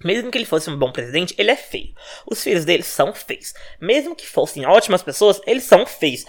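A young Brazilian man with a Brazilian Portuguese accent vents on his solo podcast from home. He rattles through his thoughts quickly, his pitch leaping up and down as he curses. His home microphone clips now and then. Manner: fast-talking, animated and profane. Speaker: podcast host. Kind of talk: casual solo podcast rant.

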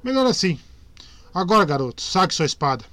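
A man's voice: sits high, sing-song, fairly quick, bright, forceful tone, dry recording, pitched above the performer's own voice, exaggerated voice. A man voicing a grim middle-aged male witcher who gives short, commanding orders, in a dry close recording. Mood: stern.

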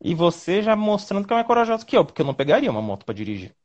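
Fast-talking, animated Brazilian man. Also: sits high, highs cut off. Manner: animated, rambling, quick asides. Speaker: lawyer guest. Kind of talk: casual video-call chat.

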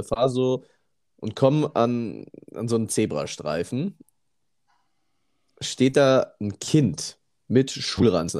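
A man's voice: mid-range voice, a little mellow. Laughing, rambling podcast man. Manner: laughs often, rambling storytelling. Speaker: podcast co-host. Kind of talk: casual podcast chat.

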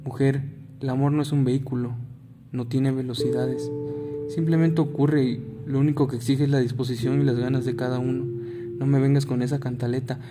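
A man's voice: mid-range voice, level tone, brisk, long reverb tail, close to an everyday voice. A man with a Mexican accent voicing a curt, bitter young man in his twenties who has been cheated on. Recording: guitar music playing behind.

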